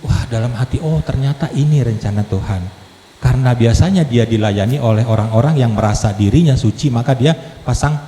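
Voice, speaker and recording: A man giving a lively testimony sermon in a church hall, telling his story with humor and acted quotes. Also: mid-range voice, fairly quick, a little hiss or hum. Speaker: lay preacher giving a testimony. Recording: echoey hall with long reverb.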